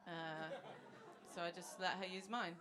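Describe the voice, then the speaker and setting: This woman in her thirties has a lowish voice with fairly even intonation and speaks a little slowly, a crowd audible behind her. She's doing chatty, self-mocking stand-up in a comedy club, laughing at her own jokes, captured on a noisy live recording.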